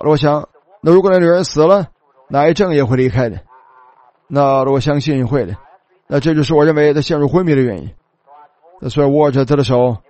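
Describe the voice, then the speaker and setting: A man's voice: medium pitch, darkish tone, no echo. A man preaching, telling a long story in his sermon and filling his speech with many small filler words.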